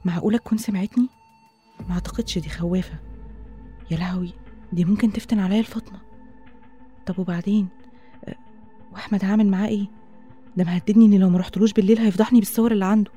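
A young woman with an Egyptian accent playing a bossy, teasing middle sister, over soft music. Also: medium pitch, steady tone, racing, pauses often, natural voice. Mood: worried. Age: young adult. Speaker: college student sister. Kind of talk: radio drama acting.

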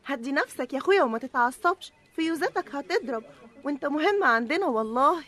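A woman's voice: sits high, lively intonation, quick pace, fairly bright tone. A woman with an Egyptian accent voicing a sassy, streetwise ration card who scolds the others.

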